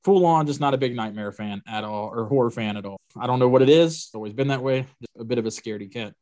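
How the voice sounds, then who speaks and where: A man with a mid-pitched voice co-hosting a movie podcast. He talks casually and pokes fun at himself. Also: fast, darkish tone. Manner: self-deprecating, laughs easily. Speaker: podcast co-host. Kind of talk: casual chat.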